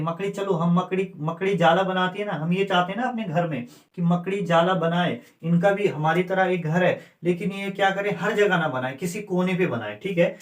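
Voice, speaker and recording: A male teacher giving an exam-prep lecture, repeating key terms and asking and answering his own questions. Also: high-pitched. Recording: echoey room.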